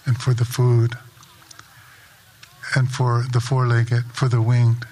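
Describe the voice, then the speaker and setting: A man leading a sunrise ceremony outdoors, giving a spoken blessing in a slow, measured, invocational way. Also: mid-range voice, completely flat delivery, dark tone. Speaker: ceremony prayer leader.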